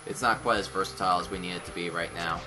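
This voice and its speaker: A man's voice: sits low, very fast. A man co-hosting a let's play, guiding his partner through the game with casual, joking commentary. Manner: guiding, lively, laughs often. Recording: music playing behind.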